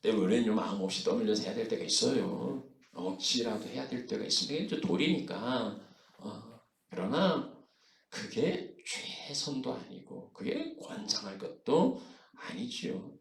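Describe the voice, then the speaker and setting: Male pastor, sermon, animated rising and falling pitch, chatty asides and rhetorical questions, roomy church sound from a distance. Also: unhurried, creaky. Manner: conversational preaching with frequent fillers and rhetorical questions. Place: church sanctuary.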